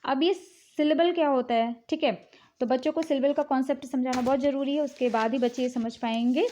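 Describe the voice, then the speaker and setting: A woman's voice: high voice, steady tone, brisk, warm tone, a little hiss or hum. A woman teacher explaining English spelling rules patiently, mixing in English words and checking in often. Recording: dull, lo-fi recording.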